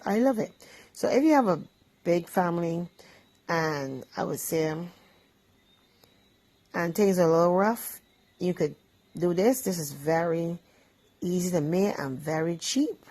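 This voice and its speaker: A woman's voice: lowish voice, dark tone, low-quality recording. A woman with a Barbadian accent, chatting casually about a simple breakfast dish while she eats it. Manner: chatty, easygoing, talks between bites. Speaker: vlog host. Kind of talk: casual cooking chat while eating.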